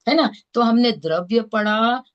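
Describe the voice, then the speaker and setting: A woman's voice: on the high side, measured pace, dull audio. A woman with an Indore Hindi accent teaching a scripture class, explaining with everyday examples and often checking that listeners follow. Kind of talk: religious scripture lesson.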